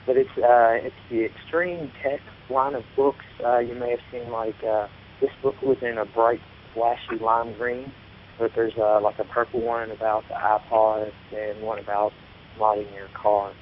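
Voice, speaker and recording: A man with a Kentucky Appalachian twang chats casually as co-host of a tech show. The audio is thin and phone-like, with a faint hiss behind him. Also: mid-range voice. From Kentucky, United States.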